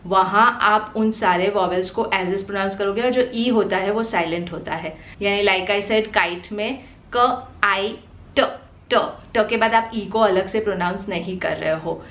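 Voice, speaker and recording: A woman with an Indian accent, hosting a parenting channel and patiently explaining phonics step by step, sounding out letters slowly. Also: mid-range voice, fairly bright tone, echoey room. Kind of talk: explanatory home teaching video.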